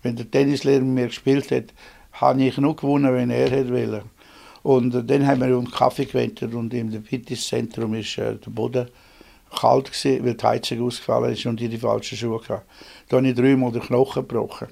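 A man's voice: medium pitch, little pitch movement, a little fast, creaky, mellow. A man in his eighties with a Swiss German accent, telling his own story in a rambling, plain-spoken way from his small home office. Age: 80s. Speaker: inventor interviewed. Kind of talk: reminiscing interview.

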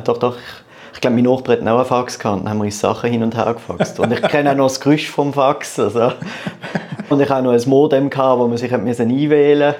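A start-up entrepreneur in his thirties with a Swiss German accent chats casually as a podcast guest, often repeating words as he talks. His voice is mid-range and a little mellow.

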